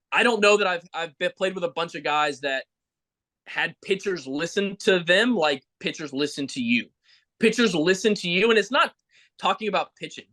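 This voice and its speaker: A man hosts a podcast in a relaxed chat. His voice sits a little high and comes across bright and forceful. He speaks with earnest, heartfelt warmth toward his guest. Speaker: podcast host.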